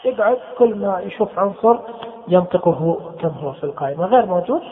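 A man, walking listeners through software settings step by step and repeating key terms. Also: high voice, animated, fast. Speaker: instructor. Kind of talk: screen-reader software tutorial. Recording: tinny phone-like sound with long reverb.

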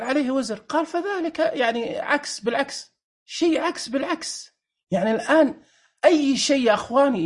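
A lecturer delivers a lively slide presentation. The voice sits at a middle pitch with a husky, breathy texture, and the delivery is emphatic and animated, with repeated rhetorical questions to the audience.

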